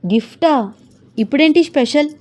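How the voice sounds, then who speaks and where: A woman's voice: sits high, expressive, moderate pace, a little mellow, voice pushed up. A woman doing a caring young fiancée. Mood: affectionate.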